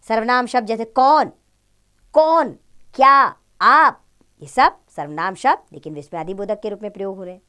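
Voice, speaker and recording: Woman teacher, grammar lesson for kids, animated pitch, acts out examples. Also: fast, few pauses, smooth. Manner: expressive, acts out example exclamations. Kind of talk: Hindi grammar lesson for children.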